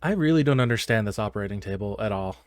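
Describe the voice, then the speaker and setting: A man's voice: fairly low pitch, lively intonation, quick pace, no room sound, clean studio sound. A man co-hosting a podcast, chiming in with playful, joking commentary in casual chat. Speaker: podcast co-host.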